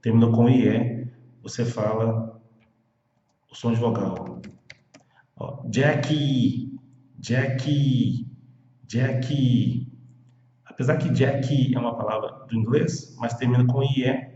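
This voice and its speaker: A man who speaks Portuguese natively, teaching an English pronunciation lesson and repeating words slowly and patiently. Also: medium pitch, dark tone. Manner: slow, repetitive drilling of words. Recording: echoey room, dull lo-fi sound.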